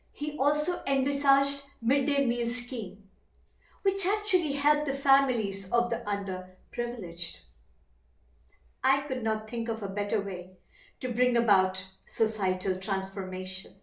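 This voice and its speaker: A woman with an Indian accent delivering formal competition oratory in a declamatory, deliberate, emphatic manner with dramatic pauses. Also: on the high side. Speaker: teacher competing in elocution contest. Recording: echoey room.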